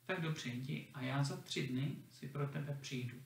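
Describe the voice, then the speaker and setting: A man reading a fairy tale, voicing an enchanted dog that is patient, loving and gently insistent. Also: medium pitch, creaky, slight background noise, close to an everyday voice. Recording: roomy echo, distant mic.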